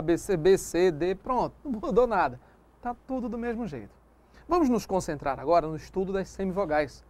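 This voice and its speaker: A woman's voice: medium pitch, a little mellow. Woman teaching a grammar class on video, voice goes up and down a lot, keeps asking if you got it. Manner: didactic, checks understanding with tag questions. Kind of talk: recorded video lesson on phonetics.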